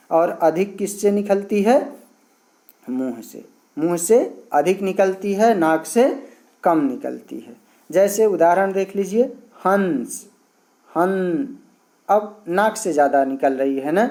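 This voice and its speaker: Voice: medium pitch, mellow. A teacher explaining a grammar lesson, asking questions and then answering them, and reading out long lists of examples one at a time.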